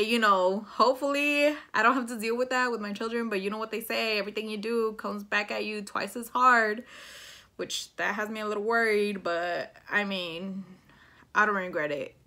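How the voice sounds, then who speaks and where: In a small, plain room indoors, a woman in her 20s tells a personal story to the camera in a casual, slang-filled way, moving between Spanish and English. Her voice is medium-pitched with a sharp tone.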